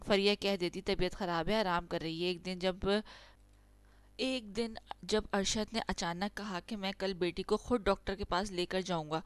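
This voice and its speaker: A woman storyteller narrating an emotional family story in a steady, earnest way. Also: medium pitch, clean tone, dry recording.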